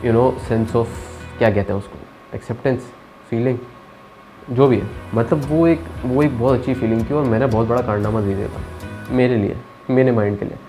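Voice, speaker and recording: A man's voice: medium pitch, moderate pace, warm tone, faint music behind. A young man vlogging about his first stand-up comedy, talking conversationally as a self-described introvert and slipping into English phrases. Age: young adult. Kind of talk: reflective storytelling.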